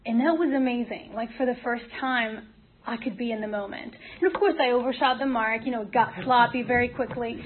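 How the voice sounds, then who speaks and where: A Moroccan woman speaks at a support group, sharing a personal testimony haltingly and hesitantly, with repeated false starts. Her voice is a little high and steady. The audio is tinny and phone-like but clear, with some noise and clicks.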